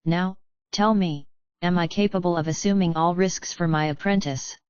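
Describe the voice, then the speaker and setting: A woman voicing a calm, powerful male demon master who speaks in an unruffled, gently commanding way, in a dry, slightly dull recording. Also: on the low side, moderate pace, clean tone, no echo, lightly acted.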